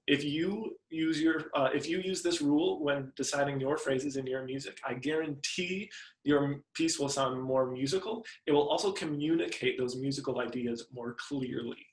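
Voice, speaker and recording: Man, piano teacher, friendly explaining, slightly high voice, roomy echo. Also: fairly bright tone. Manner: friendly explanatory, hums melodies. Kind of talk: instructional video lesson.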